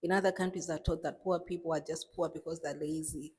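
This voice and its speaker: A woman's voice: sits low, steady tone, fairly quick, darkish tone, big-room sound, a little hiss or hum. A young woman from Malawi talking casually to camera, chatty and emphatic, often laughing and repeating words for emphasis. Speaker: vlogger. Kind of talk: casual vlog monologue.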